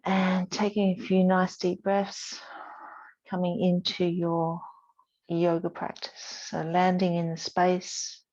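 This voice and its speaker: In dull-sounding audio, a woman yoga instructor leads guided relaxation, her low-leaning voice completely flat. She is soothing and unhurried, separating her short cues with gentle pauses.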